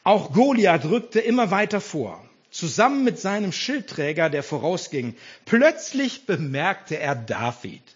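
A male pastor preaches with great animation, his fairly high voice rising and falling widely as he speaks directly to his congregation. His tone is husky and breathy, and the recording is dull and muffled. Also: sing-song, measured pace, few pauses. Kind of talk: sermon.

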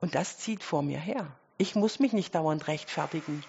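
Speaking in a low, gravelly voice at a moderate pace, a woman preaches to her congregation, posing rhetorical questions and alternating forceful emphasis with hushed asides. The recording is lo-fi, with a bit of hiss or hum.

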